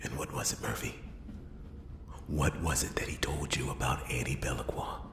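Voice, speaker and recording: Gravelly, whispering noir detective played by a man, very deep. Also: fairly even intonation, echoey room. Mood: searching, uneasy. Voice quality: gravelly, breathy low voice. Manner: brooding, halting, dramatic pauses. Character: world-weary male noir detective piecing together a murder. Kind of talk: whispered role-play, first-person noir detective narration.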